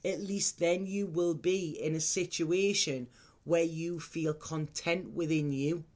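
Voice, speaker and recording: A man's voice: fairly high pitch, fairly even intonation, slow. A man giving an unscripted mystical horoscope reading as a tarot reader, speaking straight to the listener with reassuring advice and frequent checking tags.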